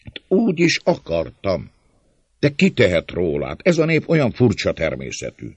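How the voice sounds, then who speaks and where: A man's voice: low voice, huge pitch swings, slightly rough, no room sound, dull audio, pitched above the performer's own voice, exaggerated voice. A man voicing a bold, jovial young male leader, speaking in a raised, hearty, declaiming voice in an audiobook. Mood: exasperated. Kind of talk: audiobook character voice.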